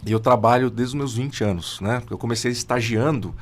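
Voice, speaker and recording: A Brazilian psychologist in his fifties, guesting on a conversational podcast, speaks casually and animatedly with a Brazilian Portuguese accent, dropping slang like "cara." His voice is mid-range and fairly quick.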